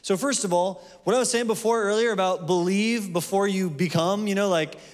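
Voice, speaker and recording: A man's voice: high-pitched, brisk. A man preaching a sermon in a church in a loose, conversational way, with fillers and restarts. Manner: conversational, with fillers and self-corrections. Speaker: pastor. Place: church sanctuary. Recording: long hall reverb.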